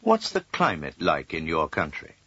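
Low-ish guy asking course questions, pitch jumps all over, bright husky sound, lo-fi. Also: huge pitch swings, moderate pace, no echo. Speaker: language course speaker. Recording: dull lo-fi audio.

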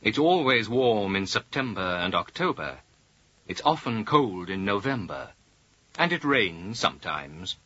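A man speaking slowly and carefully in a scripted language-course dialogue. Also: on the low side, big pitch swings, sharp tone, no echo. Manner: slow, careful, clearly spaced delivery. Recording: dull lo-fi audio.

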